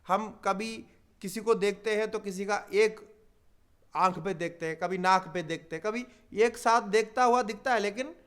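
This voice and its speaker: Older man, high voice, yoga teacher, patient explaining, thinking-aloud pauses. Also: fairly bright tone. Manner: explains patiently with everyday examples, thinks aloud with drawn-out fillers. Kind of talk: spiritual teaching talk.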